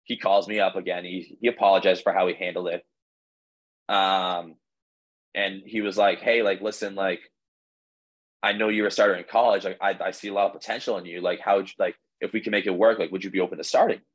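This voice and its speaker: A young man with a low, easy voice recounts his story as a podcast guest. He rambles casually, restarting sentences and leaning on "like" as he goes. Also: flat delivery, a little fast, low-quality recording. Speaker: podcast guest, baseball pitcher.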